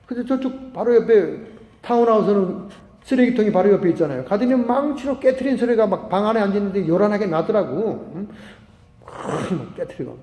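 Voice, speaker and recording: High-pitched pastor in an echoey church. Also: male voice, a little fast. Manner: animated storytelling, acting out quoted voices. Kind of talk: sermon with storytelling. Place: church sanctuary. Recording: echoey hall reverb.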